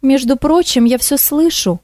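A woman's voice: sits high, measured pace, darkish tone, no room sound, pitched above the performer's own voice. Woman doing a cautious little stream spirit, mutters and hesitates, dry close read. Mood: wary. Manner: murmuring, hesitant. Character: wary muttering female forest stream.

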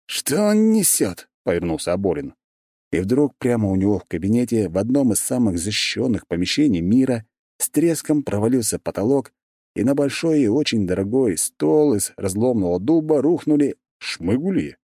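A man reading an audiobook as narrator, with expressive storytelling. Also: on the low side, moderate pace, breathy edge, dry recording, studio quality. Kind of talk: scripted narration.

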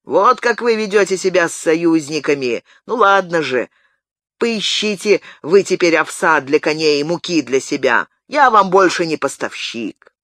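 A man reading an audiobook, voicing a blustering peasant who protests loudly and rattles off complaints. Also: a little high, expressive, unhurried, dry recording, clean studio sound. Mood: indignant. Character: loud indignant peasant man, quick to protest.

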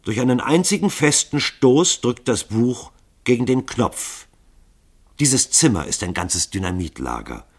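A man doing a calm, courteous assassin chief. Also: medium pitch, a little slow, slightly rough, voice pushed up. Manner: calm, polite, controlled.

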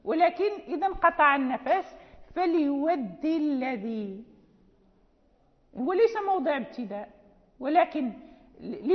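A woman's voice: sits high, big-room sound, dull audio. A woman teaching Quran recitation rules, explaining patiently and repeating key points. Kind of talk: recorded lesson.

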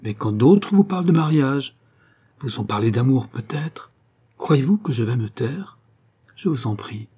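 A man's voice: medium pitch, lively intonation, a little slow, mellow, slightly rough. A man voicing an earnest young man declaring his love, with pleading, emphatic phrasing, in an audiobook reading. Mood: impassioned.

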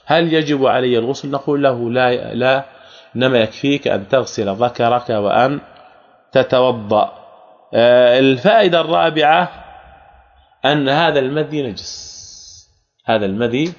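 A man with a Jordanian Arabic accent giving a religious lesson, repeating key phrases and asking the class rhetorical questions. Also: medium pitch. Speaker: religious teacher. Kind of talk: Islamic jurisprudence lesson. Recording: archival hall recording, dull lo-fi sound.

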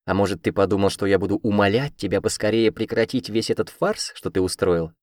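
A man voicing a feisty young woman student with a sharp, mocking tongue, in an audiobook. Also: fairly low pitch, fairly quick, no room sound, clean studio sound, natural voice. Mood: defiant, mocking. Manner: mocking, combative.

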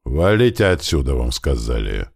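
A man's voice: very deep voice, sing-song, normal speed, creaky, slightly rough, full character voice. A man voicing a bold, fierce young woman who handles pistols, reading her lines in a raised voice. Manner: sharp, threatening then tender.

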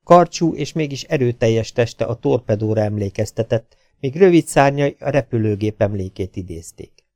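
A man with a Hungarian accent narrating an audiobook in an even, measured reading. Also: mid-range voice, dry recording, studio quality. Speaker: audiobook reader.

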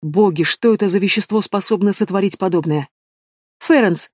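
Guy reading an audiobook, fairly high voice, dry close sound. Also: a little fast, no room sound. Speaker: audiobook narrator. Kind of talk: scripted narration.

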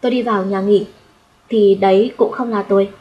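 A woman reading a first-person audiobook story in a steady, blunt way. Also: medium pitch, a little fast, highs cut off. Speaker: audiobook narrator.

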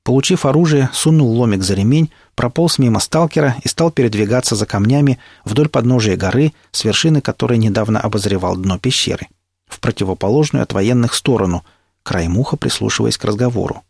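A man narrating an adventure novel in the first person, with steady storytelling. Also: mid-range voice, a little fast, creaky, slightly rough, dry recording, studio quality. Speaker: audiobook narrator. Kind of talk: audiobook reading.

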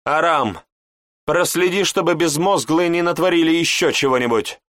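A man's voice: a little high, normal speed, fairly bright tone, no room sound, studio quality, voice pushed up, natural voice. A man voicing a cruel, furious old male mage who shrieks and screams insults. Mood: raging.

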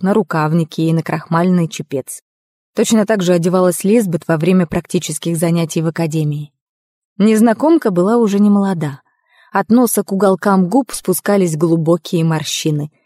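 A woman narrating first-person fiction as an audiobook reader, with a lively, expressive reading. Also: fairly low pitch, dry recording, studio quality.

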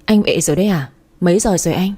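A woman's voice: on the low side, fast, warm tone, breathy edge. A woman voicing a scheming young stepmother who speaks in a falsely sweet, wheedling way in a storybook reading. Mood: fake worry. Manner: fake pleading, wheedling.

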